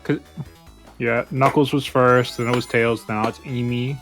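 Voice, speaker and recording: A man's voice: medium pitch, fairly even intonation, creaky, fairly bright tone, faint music behind. A man chatting casually on a game stream, joking and laughing often. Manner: jokey, laughs a lot, quick asides. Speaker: stream guest.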